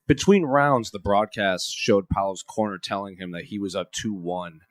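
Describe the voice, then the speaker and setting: Man, very low voice, matter-of-fact, press conference moderator. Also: expressive, moderate pace.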